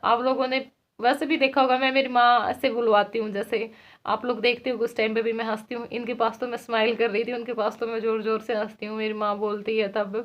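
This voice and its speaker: A woman's voice: fairly high pitch, flat delivery, a little fast. A woman vlogging from her village home, chatting casually with her viewers and laughing often. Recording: dull lo-fi sound.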